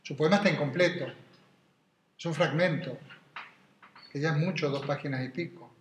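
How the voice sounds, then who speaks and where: A man's voice: on the high side, normal speed. A man giving a philosophy class to students, talking in a digressive way and checking in with tag questions. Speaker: philosophy teacher. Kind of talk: classroom lecture. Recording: echoey room with faint noise.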